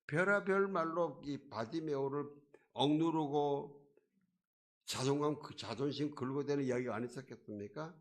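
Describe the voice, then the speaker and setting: A man pastor preaching a sermon in a church, swinging between quiet and loud and briefly acting out the voices of a crowd and a beggar. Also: fairly high pitch, moderate pace. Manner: acts out crowd and beggar voices, rising and falling loudness. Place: church sanctuary.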